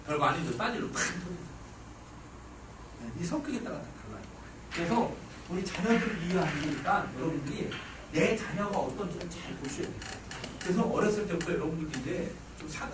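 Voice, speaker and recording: A man giving a psychology lecture on parenting to a live audience, talking in an animated way. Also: on the high side, distant mic, background noise. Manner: animated, acts out mothers' lines with sudden shouts. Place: lecture hall. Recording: roomy hall sound from off-mic. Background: audience laughter.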